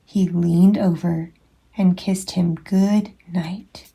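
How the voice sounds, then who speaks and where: A woman reading a children's storybook aloud as a storytime host, expressive and unhurried, as if to young children. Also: fairly low pitch, vocal fry, husky, low-quality recording.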